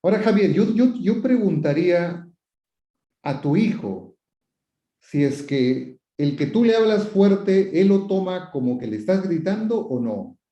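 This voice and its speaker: Dark-voiced man giving advice in a roomy room. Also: high voice, expressive, a little slow. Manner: explains with repetitions and rhetorical questions; quotes questioners and acts out sample phrases. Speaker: psychotherapist answering viewer questions. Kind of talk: advice talk. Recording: roomy, dull lo-fi sound.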